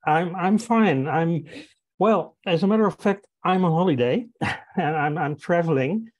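Man, 50s, mellow voice, hesitant English on earbuds. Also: fairly high pitch, unhurried. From Netherlands. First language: Dutch. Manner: hesitant, with fillers. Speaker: presenter. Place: hotel room.

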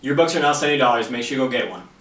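A man's voice: medium pitch, lively intonation, very fast, a bit bright. A teenage young man co-anchoring school announcements, reading the news items from a script. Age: teens. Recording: echoey room, distant mic.

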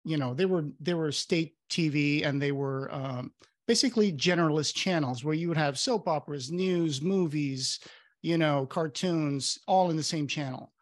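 A Portuguese man from Portugal, a native speaker, co-hosts a casual podcast interview over a video call, wearing headphones and using a webcam. He's friendly and offers quick agreeing backchannels, and his slightly high voice sounds studio quality with no room sound.

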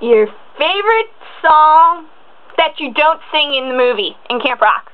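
A woman's voice: sits high, animated. A young woman interviewing a guest, chatty and eager like a fan. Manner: chatty, eager fan asking quick questions. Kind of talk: casual fan phone interview. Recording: tinny phone line.

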